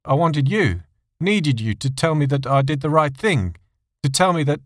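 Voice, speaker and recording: A man's voice: a little high, expressive, normal speed, a bit bright, no echo, studio quality, voice pushed up. A man voicing a guilt-ridden man pleading in audio story dialogue, hesitant and stammering. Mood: defensive, pleading.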